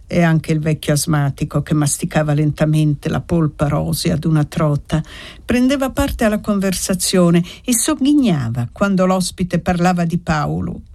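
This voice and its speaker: A narrator reading a classic novel aloud in a calm, measured way. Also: medium pitch. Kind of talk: audiobook reading.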